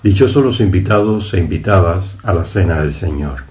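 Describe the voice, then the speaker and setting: A man speaking as a priest, praying the liturgy of the Mass in solemn, measured phrases. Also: lively intonation. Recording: muffled, low-fidelity livestream.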